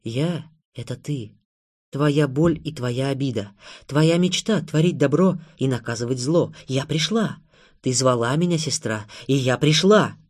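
A male reader brings to life a zealous woman who believes she embodies the line between good and evil. Her storybook voice sits at a middle pitch and swells into loud, fervent proclamations. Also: unhurried, close to an everyday voice. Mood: soft menacing. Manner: intense, preaching, rising to loud declarations.

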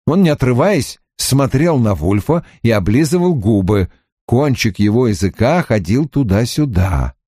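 A man narrating an audiobook in a deliberate, expressive way. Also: medium pitch, husky, dry recording, clean studio sound. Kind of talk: audiobook reading.

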